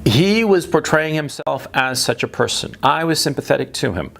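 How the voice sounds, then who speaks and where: Raised in Chile and the United States, this political commentator delivers a blunt opinion monologue, emphatically repeating points, restarting sentences, and adding the tag "right?". His fairly high, slightly bright voice is animated, with vocal fry, at a moderate pace.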